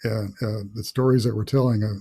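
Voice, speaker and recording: A man's voice: fairly low pitch, level tone, a little fast, creaky, mellow, husky. A middle-aged man, an author hosting a casual interview over a video call, thinking aloud with many fillers. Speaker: author and host.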